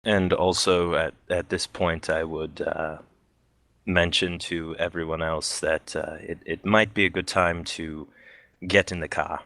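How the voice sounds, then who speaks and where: A man with a low, bright voice plays a tabletop game, recorded dry and close. He speaks in halting bursts and restarts his words with repeated fillers. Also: little pitch movement, creaky, dry recording. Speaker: player. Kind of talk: casual tabletop play.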